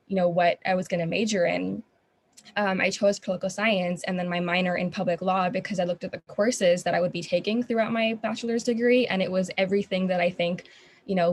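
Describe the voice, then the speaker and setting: A woman's voice: fairly low pitch, steady tone, brisk. A young adult woman from Qatar, a student founder answering interview questions in an earnest, chatty way with frequent ums. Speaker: guest, student founder of an organization.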